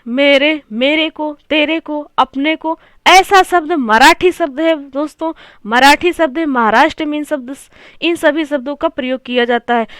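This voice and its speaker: High-voiced woman teaching grammar. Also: a bit bright, no room sound, clean studio sound. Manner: repeats phrases, asks rhetorical questions, addresses viewers as friends. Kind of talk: exam-prep grammar lesson.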